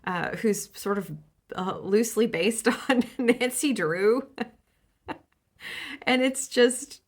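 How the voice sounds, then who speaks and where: A woman's voice: a little high, slow. A woman chatting casually about books she has been reading, with many fillers, restarts and frequent laughs. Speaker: book vlogger. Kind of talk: casual book chat.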